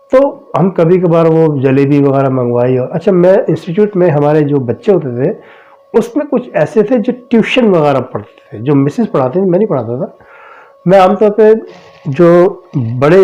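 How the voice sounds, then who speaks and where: Mellow-voiced man telling personal stories. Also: medium pitch. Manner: conversational, retells dialogue with frequent "I said". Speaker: podcast host telling his own experiences. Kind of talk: casual personal storytelling. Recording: dull lo-fi recording.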